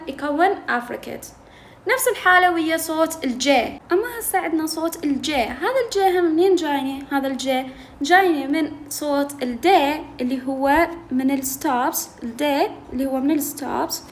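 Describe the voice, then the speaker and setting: A woman tutor with an Iraqi Arabic accent explaining a linguistics textbook to students. She asks questions and answers them herself, repeats key terms, and reads English lines slowly. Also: high voice. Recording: echoey room with faint noise.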